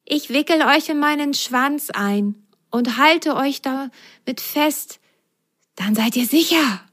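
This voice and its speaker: A woman voicing a sleepy, gentle little snake in a children's story, with a drowsy, softly hissing delivery. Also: sits high, takes it slowly, pitched above the performer's own voice. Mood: kind.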